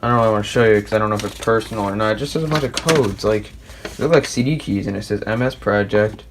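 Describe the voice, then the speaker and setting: A man's voice: on the low side, fast talker. Man, casual tech commentary, hesitant and rambling, noisy recording. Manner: rambling, hesitant, thinking aloud. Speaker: tech hobbyist host. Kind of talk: casual commentary while unboxing and building a PC.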